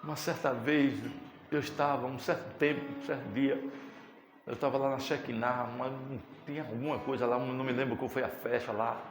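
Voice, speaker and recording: In an echoey church sanctuary with music, a pastor with a Brazilian Portuguese accent preaches with swelling, impassioned fervor. His mid-range voice is steady and fairly quick.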